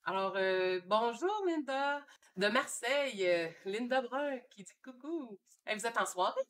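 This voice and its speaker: A woman's voice: fairly high pitch, measured pace. A woman with a Québécois French accent, chatting casually and thinking aloud while she paints live from her home studio. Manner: chatty and relaxed, thinking aloud with many fillers. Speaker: painter hosting a live stream.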